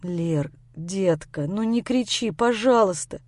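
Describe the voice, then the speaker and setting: A woman's voice: mid-range voice, expressive, moderate pace, a little mellow, dry recording, lightly acted. A woman voicing a young man who pleads with and soothes his upset girlfriend. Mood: flustered.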